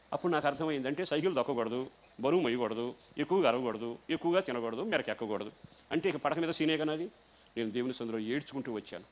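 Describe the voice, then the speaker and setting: An older male pastor giving a fervent testimony sermon that builds to loud preaching. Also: medium pitch. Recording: dull lo-fi recording.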